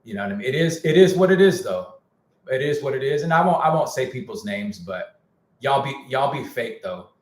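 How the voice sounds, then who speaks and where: Animated and brisk, a music producer's mid-range voice fills a roomy space as he rants casually on stream. He's candid and slangy, says things more than once, and notes he's losing his voice.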